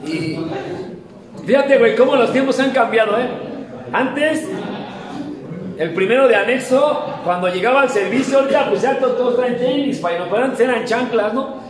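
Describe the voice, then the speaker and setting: A man's voice: very high-pitched, expressive, normal speed, echoey room, a crowd in the background, poor audio. A man with a Mexico City accent sharing his recovery story at a meeting, crude and slangy, acting out the voices he quotes. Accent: Mexico City area Spanish. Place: meeting room.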